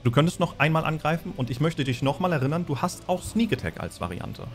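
This game master's voice is on the high side and sing-song, and he talks quickly while narrating and refereeing a tabletop game and explaining as he goes. There's faint music behind his voice.

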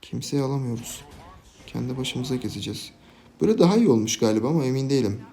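A young man giving casual, jokey live commentary on his own game, swinging from quiet planning to loud, laughing outbursts. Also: medium pitch, fast, gravelly, a little hiss or hum. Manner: excitable, jokey, shouts and laughs at big plays. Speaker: gaming YouTuber.

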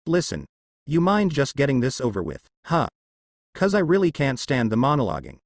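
A man's voice: medium pitch, wildly swooping pitch, moderate pace, vocal fry, no room sound, heavily acted. Man voicing a defiant young hunter, sarcastic, acting tough.

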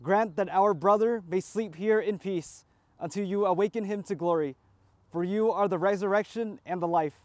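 A man, a priest, reciting the prayers of a graveside funeral rite in a measured liturgical cadence. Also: high voice, dry recording.

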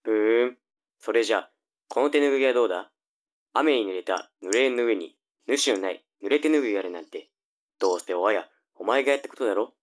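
A man's voice: on the low side, animated, quick pace, lightly acted. A man playing a nagging, flippant young older brother in a tongue-twister audio drama. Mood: accusing.

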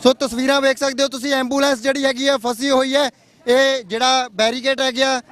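A man reporting live from a roadside barricade, speaking urgently and with passion. His voice sits very high for a man, and he presses his appeal to the authorities with insistence. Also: a bit bright. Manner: urgent, impassioned, appealing to officials. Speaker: field reporter. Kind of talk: live on-the-spot news report. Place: outdoors at a road barricade.

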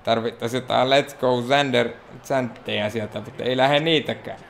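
A man from Finland giving excitable, self-mocking let's play commentary on a wrestling game, talking to the characters on screen. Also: medium pitch, creaky, slight background noise. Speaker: gaming YouTuber.

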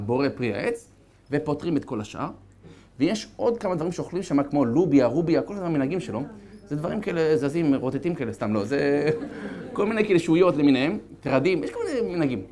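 A male rabbi giving a sermon, with animated storytelling and chuckles as he talks. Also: on the high side, slight background noise. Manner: animated storytelling, acting out characters.

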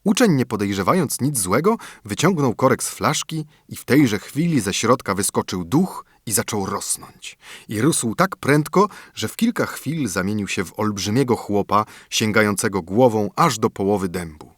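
A man narrates a fairy tale in expressive storytelling, and his pitch rises and falls in lively arcs. The recording is close and dry, with no room sound. It is a studio audiobook reading. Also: moderate pace, no room sound.

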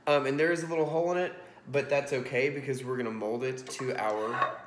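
Here a man in his 30s narrates his casual cooking vlog, talking through the process with self-deprecating humor. His medium-pitched delivery is fairly quick with fairly even intonation. The iPhone, propped on a pile of books in his home kitchen, picks up an echoing, roomy sound plus background noise.

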